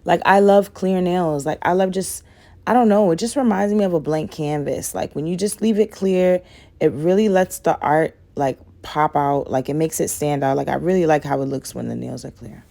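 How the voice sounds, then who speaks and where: Talking at a moderate pace, this young woman rambles through her nail tutorial, leaning hard on "like" and "guys." A cold has left her low, mellow voice with a slight rasp, and the voice-over stays loose and chatty.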